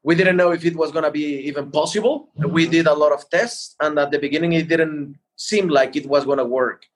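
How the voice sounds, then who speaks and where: A man explaining things in an interview as a guest entrepreneur, halting and repeating words as he goes. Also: a little high, slight background noise. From Mexico.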